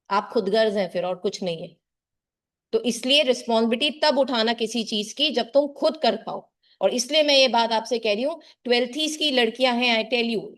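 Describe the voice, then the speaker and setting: A middle-aged woman teacher speaks to her students in an earnest, lecturing way. She gives them firm advice about life and calls them "child." Her voice sits a little high for a woman. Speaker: tuition teacher. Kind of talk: motivational talk to a class.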